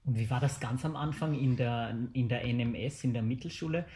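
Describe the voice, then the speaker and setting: A woman's voice: rumbling low, a little fast, dark tone. A woman interviewer asking patient, encouraging follow-up questions.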